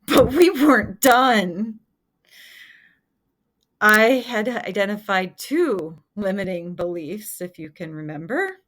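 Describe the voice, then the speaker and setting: Slow, earnest woman podcast host. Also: medium pitch, lively intonation, a bit bright. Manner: earnest and confessional. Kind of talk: personal reflective podcast monologue.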